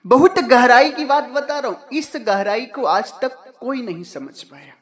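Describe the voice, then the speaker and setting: Unhurried and very high-voiced, this spiritual teacher delivers a devotional sermon. He leans on repeated key phrases and asks himself questions only to answer them.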